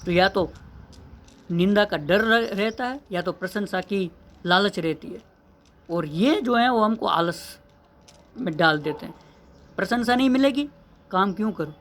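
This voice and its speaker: A man's voice: sits high, measured pace, long pauses, fairly bright tone. A man, an English teacher, giving an earnest motivational lesson, asking rhetorical questions and repeating key phrases.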